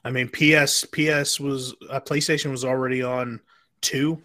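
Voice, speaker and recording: A man co-hosting a casual podcast, talking in a relaxed, matter-of-fact way. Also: mid-range voice, moderate pace. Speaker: podcast co-host. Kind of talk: casual chat.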